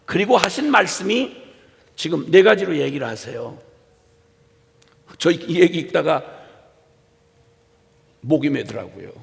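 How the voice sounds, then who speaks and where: A man's voice: fairly high pitch, animated, measured pace, creaky, long pauses. A man preaching an impassioned sermon as a missionary at a church worship service, often breaking in with rhetorical "eh?" prompts. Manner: impassioned, with frequent rhetorical "eh?" interjections. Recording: long hall reverb.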